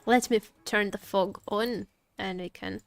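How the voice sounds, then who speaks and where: This woman's mid-range voice comes through on a dry recording as she plays a video game live and banters casually with her audience. She's playful and quick to joke, often breaking into exclamations, with music in the background.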